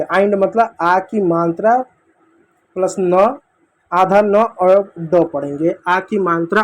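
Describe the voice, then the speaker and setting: A male teacher patiently walking young children through English reading at a board, repeating each step. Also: high-pitched. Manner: patient, repetitive explaining to kids.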